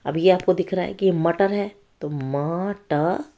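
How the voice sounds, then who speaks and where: A woman's voice: fairly low pitch, fairly even intonation, gravelly, mellow. A woman teaching young children to read, talking patiently through a worksheet and checking in often with the listener. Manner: slow, patient explaining with frequent check-ins. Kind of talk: children's reading lesson.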